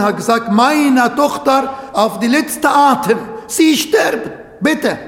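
A man preaching a sermon in an earnest, emphatic way with many pauses. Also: high voice. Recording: echoey hall with long reverb.

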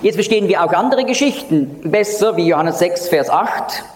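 Man teaching Bible in a reverberant hall. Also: normal speed. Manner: expressive, lively pitch for emphasis; drops low and soft when quoting dialogue. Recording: long reverb of a large hall.

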